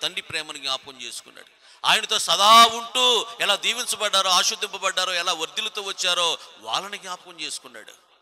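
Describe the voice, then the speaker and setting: A man preaches a sermon in a high, piercingly bright voice. He speaks with a Telugu accent, stacking repeated phrases and rhetorical questions. He now and then calls on members of his congregation by name. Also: animated, a little fast. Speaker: pastor.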